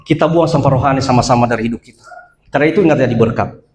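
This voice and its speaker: A male pastor preaching a sermon at a church service, animated, moving from loud exhortation to quiet asides. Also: medium pitch, very fast. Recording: echoey church hall.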